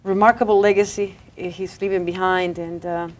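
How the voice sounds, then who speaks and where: A woman's voice: lowish voice, flat delivery, moderate pace. A woman hosting a talk show who chats effusively and repeats her words as she talks to her guests. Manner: effusive, repeats herself, warm asides to guests. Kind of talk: casual interview chat.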